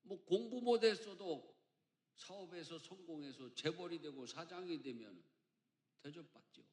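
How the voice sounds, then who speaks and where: A man in his fifties from Chungcheong, Korea, preaching a sermon as senior pastor, jumping between loud emphatic lines and quiet asides, with folksy jokes. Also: fairly high pitch, measured pace. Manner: emphatic preacher with big swings between loud and soft, joking. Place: church sanctuary. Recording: echoey church hall.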